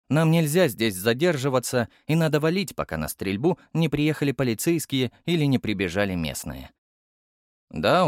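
A man with a medium-pitched voice narrates an audiobook in an expressive storytelling style. It's scripted narration with clean studio sound and no room sound.

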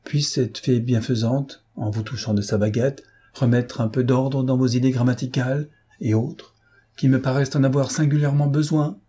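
A man's voice: medium pitch, steady tone, normal speed, warm tone, slightly rough, pitched above the performer's own voice, close to an everyday voice. A man voicing a witty, ill-mannered young woman who teases in a mock-formal, ironic way, in an audiobook. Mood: teasing. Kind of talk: audiobook character voice.

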